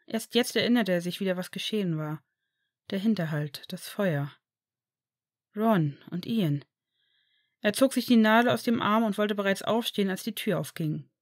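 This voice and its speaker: A woman reading a fan fiction story aloud in an even storytelling manner. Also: medium pitch, moderate pace, no room sound, clean studio sound. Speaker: audiobook reader.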